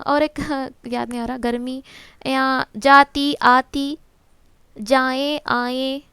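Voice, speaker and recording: High-voiced woman teaching. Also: smooth, no room sound. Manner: poses and answers her own questions, mixing in English terms. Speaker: exam-prep teacher. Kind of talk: textbook lesson walkthrough.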